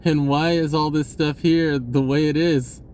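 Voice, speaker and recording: A spiritual vlogger talks casually and ramblingly about spirituality, repeating words and swearing offhandedly. His male voice is on the high side with a darkish tone, fairly even intonation and an unhurried pace. Slight background noise is audible.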